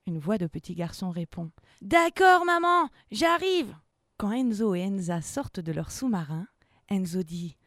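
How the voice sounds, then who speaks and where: A woman reading a children's story aloud in a slow, expressive way. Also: fairly low pitch, no room sound, clean studio sound.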